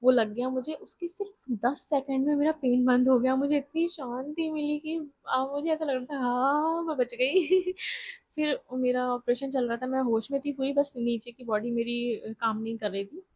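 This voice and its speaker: A woman's voice: high voice, fairly even intonation, normal speed, a little mellow, no echo. A young woman vlogger candidly telling a personal story, laughing often as she talks.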